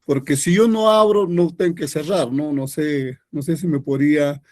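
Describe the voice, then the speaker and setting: A male student asks his teacher a question, politely and with a little hesitation. His voice sits slightly high, and the sound is dry and close. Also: steady tone, moderate pace, a little mellow, dry recording. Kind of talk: asking a question in class.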